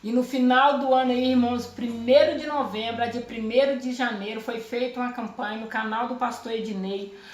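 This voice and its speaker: A woman's voice: a little high, fairly even intonation, fairly quick, echoey room. A woman from Brazil giving an earnest, emotional religious testimony at home, repeating her phrases, filmed on a phone camera. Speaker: testifying believer.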